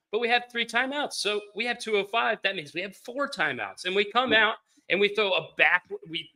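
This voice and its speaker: Bright-voiced ranting sports podcaster man. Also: low-quality recording. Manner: exasperated, swearing, pitch jumps high when angry. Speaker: podcast co-host. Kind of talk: casual sports rant.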